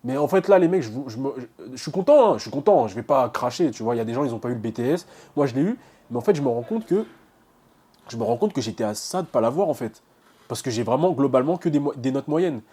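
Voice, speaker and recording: A man's voice: mid-range voice, quick pace, husky. Nervous, stumbling young man vlogging. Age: young adult. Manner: excited, stumbling, restarting sentences. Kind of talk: casual vlog reaction.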